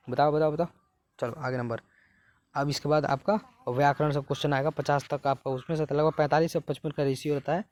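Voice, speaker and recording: A male teacher with a slightly high voice walks students through exam questions in a lesson. He asks each question, gives the answer, then repeats it with little prompts to keep the class going. The sound is dry and close, with hardly any room echo. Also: a little mellow.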